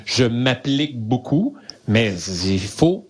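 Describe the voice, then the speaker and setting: A middle-aged man with a Québécois accent talks in a relaxed podcast chat. His voice sits at an ordinary pitch. He is candid and self-mocking, and he brings his stories to life as he tells them. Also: slow pace. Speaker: guest comedian. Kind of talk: casual podcast conversation.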